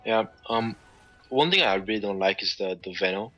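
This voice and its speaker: Bright-voiced man breaking down gameplay. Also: fairly low pitch, lively intonation, normal speed, muffled recording, soft background music. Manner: chatty critiques peppered with "like". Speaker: esports co-caster. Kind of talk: casual analysis commentary.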